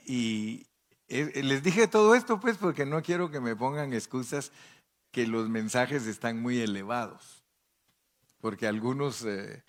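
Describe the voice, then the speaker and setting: An older man preaching a sermon as pastor, telling folksy stories and acting out the people he quotes. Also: medium pitch. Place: church.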